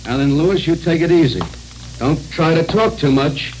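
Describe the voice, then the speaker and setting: A man plays a pushy, offhand stranger in an old-time radio soap. He talks in a gruff, slangy, casual manner with a mid-pitched voice, and faint hiss sits under it. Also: normal speed, close to an everyday voice, rough recording. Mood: brusque. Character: brusque, pushy male stranger and minder. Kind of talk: 1940s radio acting.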